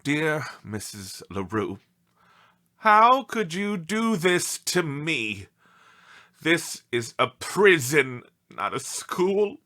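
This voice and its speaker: A man plays a melodramatic storybook dog, indignant and sorry for himself. The delivery swings widely in pitch, slow and drawn out, with a bright, forceful edge. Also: big pitch swings, full character voice. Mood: wounded, pleading. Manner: theatrical, indignant, self-pitying. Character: aggrieved melodramatic pet dog writing pleading letters home. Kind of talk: expressive storybook read-aloud.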